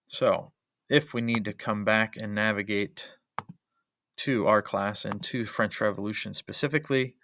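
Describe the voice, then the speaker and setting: A man's voice: fairly low pitch, sharp tone, a little hiss or hum. A male history teacher narrating a screen-recording tutorial as a voice-over, explaining each step methodically with frequent "uh" and "um" fillers.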